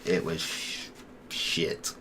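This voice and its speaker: A young British man hosting a podcast in casual chat, reading from the live chat and often restarting his sentences. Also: noisy background. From Britain. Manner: rambling, reads slowly with restarts. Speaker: podcast host.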